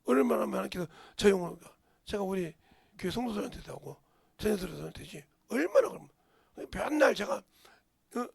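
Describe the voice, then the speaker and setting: A middle-aged male pastor preaching a sermon in a church, dropping to whispers and bursting into shouts. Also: high voice, animated, fairly quick, gravelly, slightly rough. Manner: swings from hushed whispers to sudden shouts. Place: church sanctuary.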